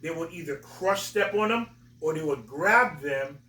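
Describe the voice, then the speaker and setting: A man hosting a talk, explaining religious stories in a halting, emphatic storytelling way. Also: fairly high pitch, expressive, bright, forceful tone. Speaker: host, religious teacher. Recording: roomy echo, distant from mic.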